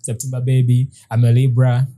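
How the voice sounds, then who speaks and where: A man in his thirties co-hosting a podcast in casual chat, hesitant, with frequent restarts and soft laughs. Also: mid-range voice, completely flat delivery, brisk. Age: 30s. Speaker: podcast co-host.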